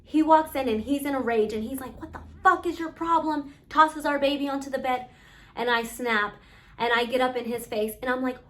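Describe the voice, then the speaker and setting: A woman telling her own story straight to camera in a personal vlog, earnest and halting, pausing often as she goes. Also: high voice, fairly even intonation, a bit bright. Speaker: vlogger recounting her own experience.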